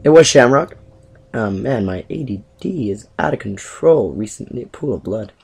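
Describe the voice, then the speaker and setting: A young man talks over his gameplay in a chatty, excitable way, full of fillers and stray thoughts. His voice is slightly husky and swings widely up and down in pitch. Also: moderate pace. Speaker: gameplay commentator. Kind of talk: casual let's-play commentary.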